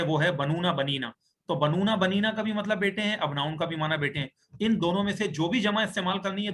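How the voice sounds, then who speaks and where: A man's voice: fairly high pitch, fairly bright tone. A man teaching an online Arabic grammar lesson on a video call, patiently explaining step by step as he writes. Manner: patient, explains step by step while writing on screen.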